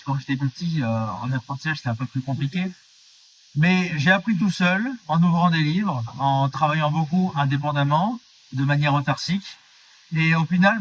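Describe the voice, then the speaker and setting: A man's voice: a little high, a bit bright, far from the mic, slight background noise. A man from the Drôme who works as a baker, answering interview questions in an earnest, explanatory way. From France, Drôme. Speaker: baker, guest.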